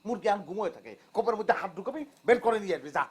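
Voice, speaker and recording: A hot-headed stubborn son-in-law. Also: male voice, high-pitched, expressive, racing, a little hiss or hum. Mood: bullying. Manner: blustering, quarrelsome, switching to rude address. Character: hot-tempered stubborn new son-in-law, bossy and touchy. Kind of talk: comic TV drama acting.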